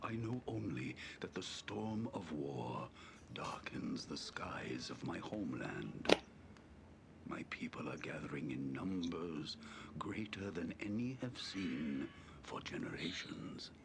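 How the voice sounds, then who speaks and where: Ancient raspy seer for a fantasy game, slow gravelly whisper, full of doom. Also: male voice, rumbling low, lively intonation, noisy background, heavily acted. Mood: ominous, solemn. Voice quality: rasping, breathy half-whisper, gravelly. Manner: slow, solemn, portentous. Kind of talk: fantasy game role-play.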